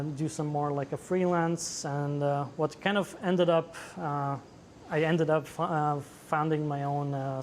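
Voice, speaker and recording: A man from Latvia with a Latvian accent, presenting at a tech meetup, pausing often with many "uh"s. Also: fairly high pitch, a little mellow, slight background noise. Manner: hesitant, many fillers. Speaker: conference speaker. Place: meetup venue.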